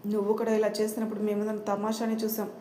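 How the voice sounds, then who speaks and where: A woman's voice: medium pitch, completely flat delivery, fast, warm tone, roomy sound, slight background noise, lightly acted. A woman voicing a furious jealous woman. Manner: furious, raised voice.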